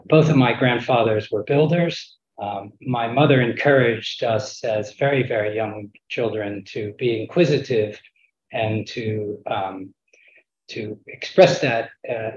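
A man giving reflective interview answers in a measured way, pausing mid-thought. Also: lowish voice. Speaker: interview guest, architect. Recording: roomy, dull lo-fi internet call.

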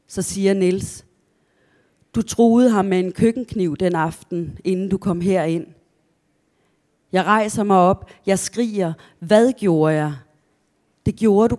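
Low, mellow-voiced woman reading her prose. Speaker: author reading her own text.

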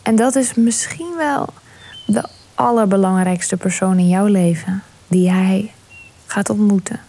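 A woman leads a guided meditation in a slow, unhurried way. Her voice is mellow and breathy, and she often drops into a hushed whisper. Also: mid-range voice.

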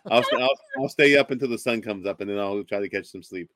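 A man co-hosting a casual paranormal radio chat, excitable and stammering, repeating himself. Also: lowish voice, normal speed, no room sound. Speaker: co-host.

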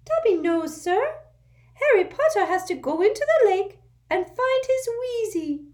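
Woman doing a very high, squeaky little male house-elf, earnest and servile, mangled grammar, storybook voice. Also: sing-song, unhurried, a little mellow, exaggerated voice. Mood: urgent, squeaky. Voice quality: squeaky, broken grammar, says sir constantly.

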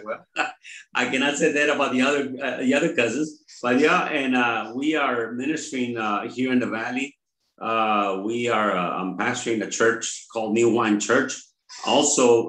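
An older man from Mexico, a pastor, talking in an interview in a halting way with many pauses and fillers. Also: lowish voice, a bit bright. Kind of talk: conversational interview. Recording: roomy echo.

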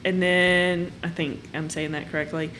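A woman's voice: fairly low pitch, little pitch movement, moderate pace, a bit bright, a little hiss or hum. A woman co-hosting a podcast, chatting casually in a rambling, hesitant way. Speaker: podcast co-host. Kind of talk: casual chat.

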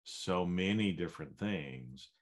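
A middle-aged man co-hosts a podcast in casual chat, rambling loosely with many fillers and restarts. His voice is low, animated, and slow.

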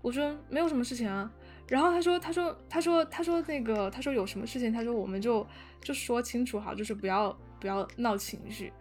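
A young woman telling a story in casual chat, animated and full of fillers and restarts. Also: fairly high pitch, fairly quick, soft background music. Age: young adult. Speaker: podcast guest storyteller.

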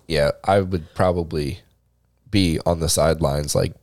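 A man's voice: rumbling low, steady tone, unhurried, darkish tone, dry recording, clean studio sound. A man in his thirties co-hosting a casual podcast, with a nasal voice, joking crudely and laughing. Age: 30s. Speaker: podcast co-host. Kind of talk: casual explicit chat.

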